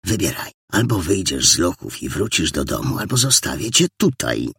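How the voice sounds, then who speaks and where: A man voicing a tense, menacing painter who hisses low threats. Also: very animated, normal speed, vocal fry, a bit bright, breathy edge, no echo, studio quality, full character voice. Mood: hissed.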